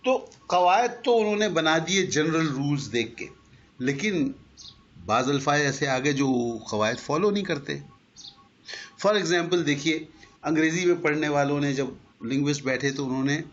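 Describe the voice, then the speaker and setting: A man lectures to a class, walking through his points patiently and posing questions to his listeners. His voice sits a little high, and the recording is dull and lo-fi. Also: a bit bright. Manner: explanatory, asks rhetorical questions. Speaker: teacher.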